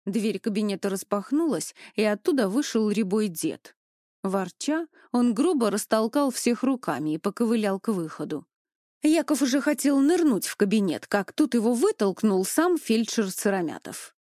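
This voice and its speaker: A woman narrating a story in an expressive storytelling manner, close to the mic. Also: mid-range voice, moderate pace, no room sound. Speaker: audiobook narrator. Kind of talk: scripted narration.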